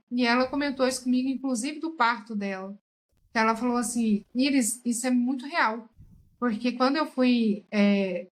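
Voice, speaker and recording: Woman, fairly high voice, emphatic casual commentator who keeps calling out to listeners. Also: poor audio. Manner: emphatic, addresses listeners as "gente". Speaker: therapeutic tarot reader, guest. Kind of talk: casual commentary while watching a recorded chat.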